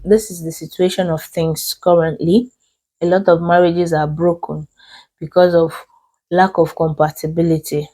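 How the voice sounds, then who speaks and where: A Nigerian woman speaks in a fairly low, soft-edged, mellow voice that sounds congested and unwell. She gives casual relationship advice as a host, stressing points by repeating phrases and putting questions to the listener.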